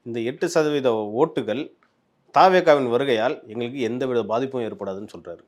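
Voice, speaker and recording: A man's voice: medium pitch, a little fast. A man interviewing a political guest, polite and calling him sir.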